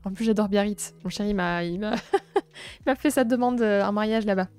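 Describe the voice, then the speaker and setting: A young woman from south-east France with a southern French accent, chatting gently with her live-stream viewers and filling pauses with hesitations. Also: mid-range voice, clear, resonant tone. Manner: gentle, chatty, many fillers and restarts. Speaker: livestream host. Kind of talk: casual live-stream chat, reading chat.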